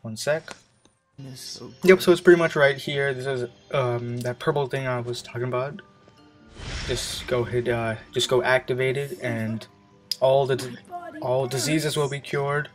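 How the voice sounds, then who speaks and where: A man's voice: mid-range voice, steady tone, unhurried, faint music behind. A young man out of breath, giving casual, rambling gameplay commentary with lots of fillers and self-corrections.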